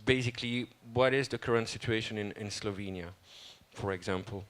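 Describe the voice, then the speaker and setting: A man's voice: on the low side, fairly quick, fairly bright tone. A man moderating a conference panel, leading with light, wry introductions. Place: conference hall stage.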